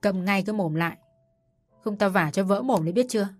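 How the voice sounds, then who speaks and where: A woman voicing a stern, quick-tempered older father-in-law who scolds his wife. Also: mid-range voice, faint music behind, natural voice. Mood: stern anger. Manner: gruff, scolding.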